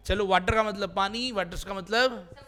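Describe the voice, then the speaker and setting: A man's voice: sits high, moderate pace, sharp tone. A man teaching English vocabulary in a classroom, quizzing students with repeated questions in a playful way.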